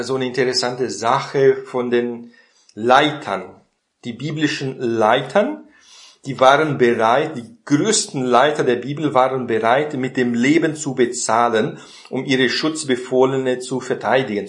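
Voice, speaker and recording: A man preaching an informal sermon at an unhurried pace, with a mid-range voice. He talks conversationally, tags his phrases with quick questions and acts out quoted dialogue. The sound carries a noticeable room echo. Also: medium pitch.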